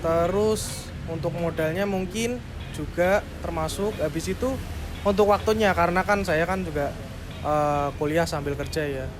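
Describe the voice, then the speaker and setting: A man's voice: on the high side, steady tone, normal speed. A twenty-one-year-old man who studies and works, giving hesitant interview answers full of fillers. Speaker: student and worker interviewee. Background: background music.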